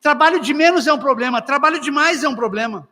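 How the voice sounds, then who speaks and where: A man preaching a lively, humorous sermon at a church couples' retreat, acting out everyday arguments. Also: very high voice, fast talker. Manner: lively, humorous, acts out dialogues. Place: church hall. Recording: long church hall reverb.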